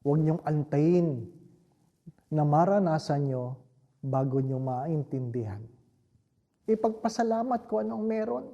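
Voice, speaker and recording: Man, Filipino accent, priest, homily, very slow, mellow dark tone. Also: fairly high pitch, lively intonation, gravelly, dull audio. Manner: slow, reflective storytelling with frequent rhetorical asides.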